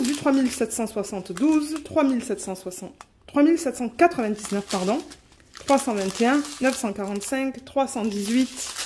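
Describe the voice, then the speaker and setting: Woman, high voice, chatty and quick, unboxing vlog, faint crinkling noise. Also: a little mellow. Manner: quick, chatty, reads out color numbers. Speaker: diamond painting vlogger. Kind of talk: casual unboxing chat.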